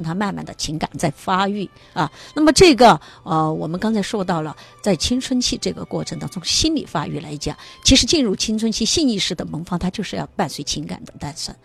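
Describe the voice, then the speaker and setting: A woman's voice: mid-range voice, animated, a little fast, vocal fry, hardly any pauses, breathy edge, soft background music. A woman speaking as a parenting expert, earnestly explaining teen emotional growth and addressing parents directly. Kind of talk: radio-style studio talk.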